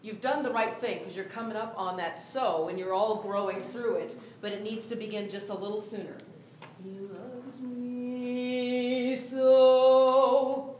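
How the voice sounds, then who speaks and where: A woman directing a choir rehearsal, giving brisk, instructive notes to the singers. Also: mid-range voice, slight background noise. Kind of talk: rehearsal coaching. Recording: very echoey rehearsal room.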